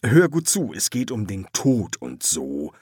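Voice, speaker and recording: A man's voice: lowish voice, wildly swooping pitch, measured pace, darkish tone, husky, no echo, studio quality, exaggerated voice. A man voicing the indignant ghost of a dead pharaoh in an audiobook. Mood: exasperated. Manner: indignant, grumbling.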